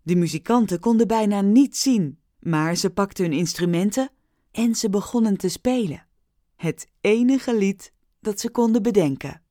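A woman reading a story aloud in a calm, clearly paced narrating voice. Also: mid-range voice, moderate pace, dry recording, clean studio sound. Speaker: audiobook reader.

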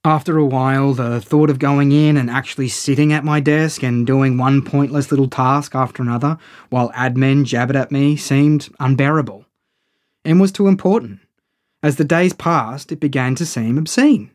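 A man's voice: medium pitch, moderate pace, darkish tone, no echo, studio quality. A man narrating a first-person audio story in a wry, conversational way.

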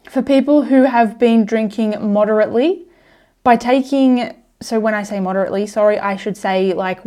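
A woman's voice: medium pitch, darkish tone. A young adult woman, hosting a podcast and casually explaining health topics with chatty asides. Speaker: podcast host. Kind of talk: casual educational monologue.

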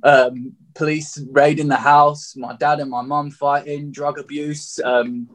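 Here a man of thirty from Margate, England, talks with a southeast English accent in a voice on the high side. His delivery is flat and his pace measured as he shares his own story candidly and thoughtfully in an interview.

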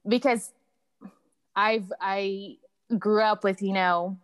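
Woman chatting casually, smooth clear voice, candid, a bit halting, no room echo. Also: mid-range voice, steady tone. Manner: candid, halting, uses "like" often. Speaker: guest sharing personal experiences. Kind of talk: casual conversation.

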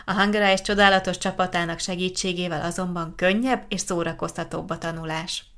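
Woman podcast host, kinda low voice, calm clear reading, easy chat. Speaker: podcast host for Hungarian learners. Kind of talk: casual podcast chat and reading a letter aloud.

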